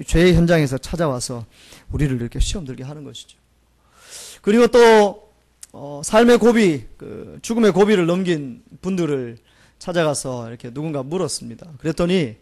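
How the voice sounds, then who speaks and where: A male pastor delivering a Sunday sermon with a somewhat high voice. He preaches earnestly and keeps posing rhetorical questions to the congregation. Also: darkish tone.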